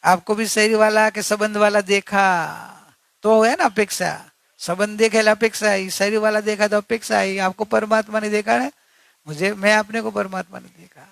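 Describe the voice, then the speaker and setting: Man, spiritual teacher, earnest and repetitive, high pitch, dry close recording. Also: level tone, normal speed, vocal fry, a bit bright, dry recording. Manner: earnest, repetitive, asks rhetorical questions. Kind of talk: religious discourse.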